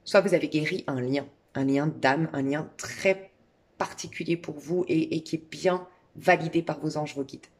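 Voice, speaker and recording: A middle-aged woman giving a spoken tarot and crystal reading, talking calmly and directly to the listener with many fillers. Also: deep voice, moderate pace. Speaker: tarot reader.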